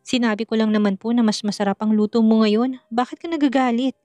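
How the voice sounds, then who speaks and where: A woman's voice: a little high, fairly even intonation, brisk, dark tone, no room sound, lightly acted. A woman doing a puzzled loving young husband. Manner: polite, puzzled questioning. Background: faint music.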